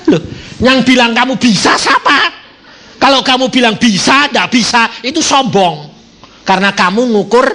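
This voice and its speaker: A man's voice: sits high, fairly bright tone. A man preaching a sermon and telling stories, acting out voices with laughter.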